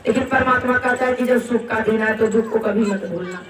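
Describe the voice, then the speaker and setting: A woman preacher telling a devotional story in an earnest, animated way, often calling her listeners sister. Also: fairly high pitch, fairly quick. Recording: roomy hall, distant mic, crowd noise.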